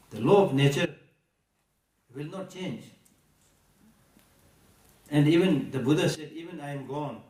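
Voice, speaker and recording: A man with a Tibetan accent gives a Buddhist teaching to listeners in a deliberate, emphatic way, repeating key phrases and posing rhetorical questions. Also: medium pitch, fairly bright tone. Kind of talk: Buddhist teaching to a live audience. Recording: echoey room, recorded from a distance.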